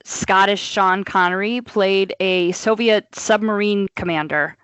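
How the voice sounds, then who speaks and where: A woman's voice: medium pitch, steady tone, unhurried, a bit bright, smooth, no echo, rough recording. A woman joins a casual film review podcast with blunt, wry remarks. Her voice is recorded dry and close.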